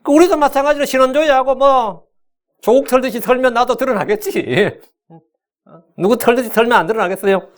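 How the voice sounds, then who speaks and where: A middle-aged man preaching a sermon as pastor, colloquial and joking, acting out quoted voices with a Korean accent. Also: extremely high pitch.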